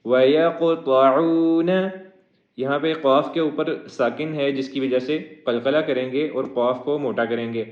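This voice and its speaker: A man teaching a Quran recitation lesson, moving between slow melodic chanting of verses and brisk spoken explanation of pronunciation rules. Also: mid-range voice, fairly even intonation. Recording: echoey, dull lo-fi audio.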